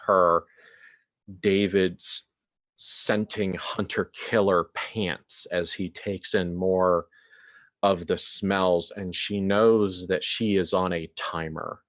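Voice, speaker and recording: This deep-voiced man, slightly bright in tone, runs a horror tabletop game as its game master. His narration is dramatic, deliberate and halting, with phrasing made up on the spot. The highs are cut off in the audio.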